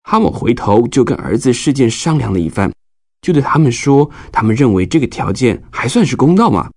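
A man's voice: medium pitch, very animated, a little fast, darkish tone, dry recording, studio quality. A man narrating a scripted Bible story for children, explaining things as if to young listeners.

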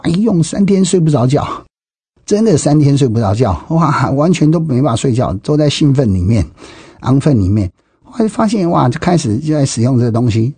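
Husky middle-aged man, Taiwanese Mandarin. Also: medium pitch, mellow, dry recording. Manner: emphatic, with frequent exclamations and repetitions. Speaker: interviewee giving personal testimony. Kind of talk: personal testimony storytelling.

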